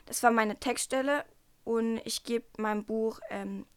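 A woman's voice: a little high, fairly even intonation, measured pace, smooth, no room sound. A woman presenting a book and reading a passage from it aloud, in an earnest, careful way with small stumbles.

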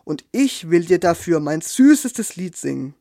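A man voicing a small, devoted female nightingale in a storybook tale, speaking high and slow as she pleads. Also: very animated, creaky, dark tone, no echo, studio quality, heavily acted. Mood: pleading.

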